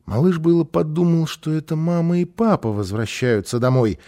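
A man reading a children's story aloud as narrator, expressive and lively in his storytelling. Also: a little high, normal speed. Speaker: audiobook narrator.

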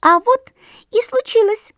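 A squeaky, chirpy titmouse. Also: female voice, measured pace, a bit bright, dry recording, studio quality. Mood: giggly. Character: lively giggling female titmouse.

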